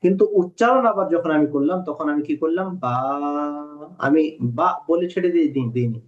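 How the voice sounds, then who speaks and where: Male teacher, slightly high voice, patient, spells letters out slowly, muffled lo-fi recording. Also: lively intonation. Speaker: Quran reading teacher. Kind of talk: recorded online lesson. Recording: dull lo-fi recording.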